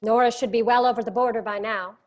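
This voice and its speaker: An actress playing a quiet, polite, wistful schoolteacher in a period drama screenplay reading. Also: female voice, fairly high pitch, steady tone, quick pace, natural voice. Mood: polite, mild.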